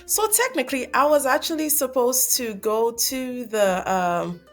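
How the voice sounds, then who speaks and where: A woman from Gambia, a guest in a casual interview, telling her story in a lively, laughing way. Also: high voice, a little slow, faint music behind.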